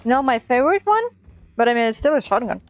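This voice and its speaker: A woman's voice: on the high side, very animated, fast talker, dry recording, lo-fi sound. A woman streaming a game, chatting casually with a playful, giggly, teasing manner. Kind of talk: casual gameplay chat.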